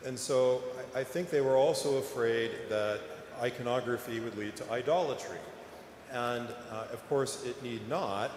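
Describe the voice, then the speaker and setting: A man preaching an informal, explanatory sermon in a conversational, hesitant manner with frequent pauses, his voice echoing through the church. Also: medium pitch. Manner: conversational, hesitant, pausing often. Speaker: preacher giving a parish sermon. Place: large echoing church interior. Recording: echoey reverberant church, noticeable background noise.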